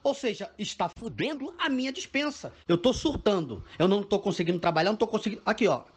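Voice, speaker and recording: A man's voice: sits high, lively intonation, fast, husky. A man as an exasperated father ranting sarcastically about his child's home schooling. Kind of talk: comic rant.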